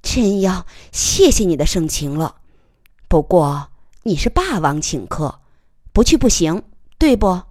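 A woman voicing a feisty, sharp-tongued young woman journalist who fires back in rapid retorts. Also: fairly low pitch, sing-song, no room sound, studio quality. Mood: teasing.

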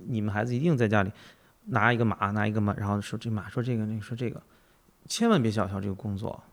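Speaking fast in a lowish, fairly flat tone, this male podcast host drifts into philosophical musing. He hammers his points home emphatically, repeating himself and posing rhetorical questions.

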